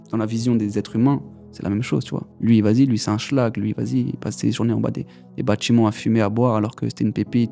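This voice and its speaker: A young man pours out his story in a rapid, headlong flow, his voice mellow and a little dark. He talks in loose street slang, repeating himself as he goes. Faint music sits under his voice. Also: medium pitch, gravelly. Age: young adult. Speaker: guest giving a testimony. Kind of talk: casual spoken testimony.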